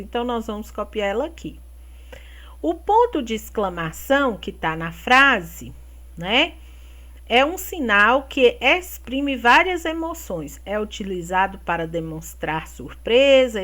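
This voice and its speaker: Woman teacher, Brazilian, patient step-by-step explainer for children; unhurried delivery, very animated pitch. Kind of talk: explaining school exercises to young children.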